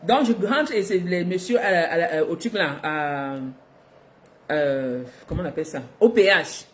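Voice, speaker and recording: At a measured pace and in a lowish voice, a middle-aged woman from Africa tells her viewers a personal story. The vlogger is lively and expressive, laughing between lines.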